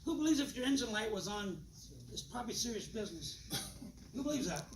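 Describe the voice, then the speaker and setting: A folksy, animated man works a live audience, slipping into different voices as he acts out back-and-forth dialogues. He sounds far from the mic in an echoey room, with loud noise underneath. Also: high voice, brisk. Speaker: presenter demonstrating water machines. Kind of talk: live sales demonstration to an audience.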